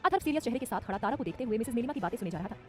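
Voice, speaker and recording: A woman narrating a romantic audio story in a brisk, dramatic scripted style. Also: on the high side, animated. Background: soft music.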